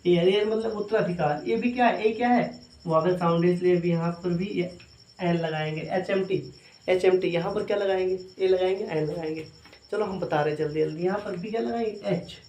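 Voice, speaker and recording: A man's voice: sits high, a little fast, a little mellow, muffled recording. A male teacher gives a lecture, asking questions and answering them himself, and repeating them often. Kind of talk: classroom lecture. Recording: echoey room.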